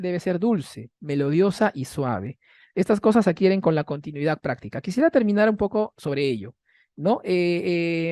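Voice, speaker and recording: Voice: mid-range voice, darkish tone, dry recording, studio quality. A conference panelist gives an academic lecture to a seated audience from a stage. The speaker keeps checking in with tag questions and rhetorical questions, and often restarts with repeated words. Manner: frequent false starts and repeated words. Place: university hall, speaking from a raised stage facing a seated audience.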